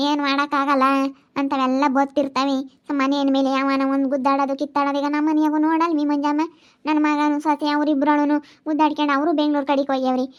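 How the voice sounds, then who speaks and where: A woman acting in a village family drama, talking in a soothing yet firm, scolding way. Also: high-pitched.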